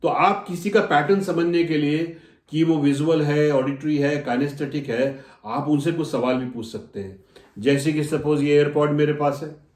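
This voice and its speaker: An animated male coach gives a lesson, calls his listeners friends, and slips into little acted customer dialogues. His voice sits a bit high. The room around him echoes. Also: a little slow. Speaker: soft skills coach. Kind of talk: motivational lesson.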